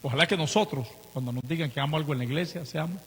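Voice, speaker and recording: A male pastor with a Nicaraguan accent preaching a sermon, telling stories with swings in pitch and volume. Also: rapid-fire, a bit bright, slight background noise. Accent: Nicaraguan Spanish. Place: church. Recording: reverberant church hall.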